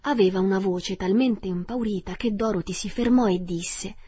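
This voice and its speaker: A woman narrating a story aloud in calm, measured audiobook style. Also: mid-range voice, slightly rough, dry recording. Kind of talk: audiobook reading.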